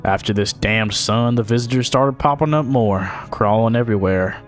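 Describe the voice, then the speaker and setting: A man voicing a gruff old wandering drifter from a game, talking in a conspiratorial way. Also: lowish voice, moderate pace, soft background music, natural voice.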